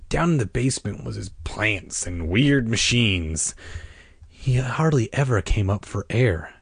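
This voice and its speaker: A man's voice: on the low side, breathy edge, no room sound, clean studio sound. A man reading a children's book aloud in a playful way, tossing in wisecracks between passages. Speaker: reader.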